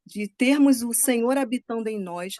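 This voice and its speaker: A woman's voice: a little high, moderate pace, dark tone, no room sound. A woman giving a religious testimony to a group, fervent and chatty, often checking in with her listeners. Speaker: guest speaker sharing a testimony.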